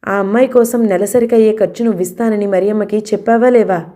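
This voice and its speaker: A man's voice: high voice, fairly even intonation, fast talker, warm tone, natural voice. A woman reading the part of a stern older uncle who scolds and interrogates his nephew. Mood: accusing.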